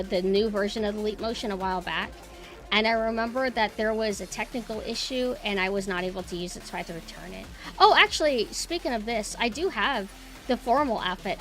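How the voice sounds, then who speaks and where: A woman's voice: fairly high pitch, a bit bright. Woman streamer, rambling casually over music. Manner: rambling, informal, thinking aloud. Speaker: streamer, VTuber host. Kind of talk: casual live-stream chat. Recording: music behind the voice. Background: background music.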